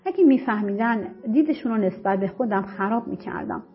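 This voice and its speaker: Emotive female storyteller with a breathy, higher voice, for a first-person drama read over quiet music. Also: expressive. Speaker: narrator. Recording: slightly muffled with soft music.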